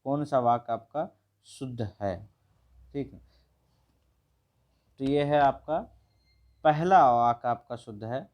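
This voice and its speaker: A man, teaching a brisk exam revision lesson and going through questions one by one. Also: mid-range voice, a little mellow. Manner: brisk, repeats each word and asks the viewer. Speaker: Hindi teacher.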